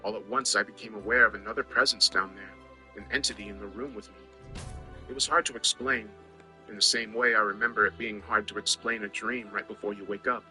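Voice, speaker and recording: First-person story narrator, male, low voice with a sharp bright edge, wry and conversational over faint music. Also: steady tone, brisk, poor audio.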